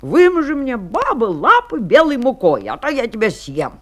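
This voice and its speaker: A woman voicing a big greedy grey wolf from a folk tale, with a slow drawn-out sing-song delivery. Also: a little high, wildly swooping pitch, a bit bright, heavily acted. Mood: snarling.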